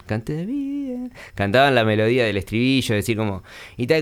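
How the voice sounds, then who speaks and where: A man, a musician being interviewed, talking in a relaxed, rambling way with fillers. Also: medium pitch, clear, resonant tone. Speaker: musician guest. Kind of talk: casual interview talk.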